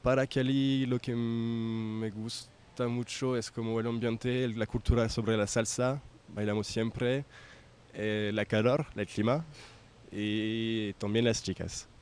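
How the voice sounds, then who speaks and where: A young adult man, a native French speaker from France, gives an informal student testimonial in a second language, pausing as he hunts for words. His French-accented voice is medium-pitched, steady, darkish, and clean.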